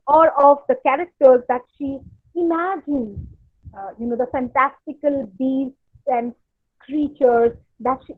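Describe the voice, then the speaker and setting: High-voiced woman lecturing over tinny audio. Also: no echo. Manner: hesitant, many fillers and restarts. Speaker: literature lecturer. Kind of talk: online lecture. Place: home, online workshop. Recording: dry, tinny phone-like audio.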